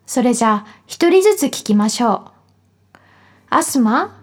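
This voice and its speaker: A woman's voice: fairly high pitch, big pitch swings, a little slow. A woman voicing a strict but caring mother scolding her children in a storybook. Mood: stern. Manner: scolding, firm, instructive.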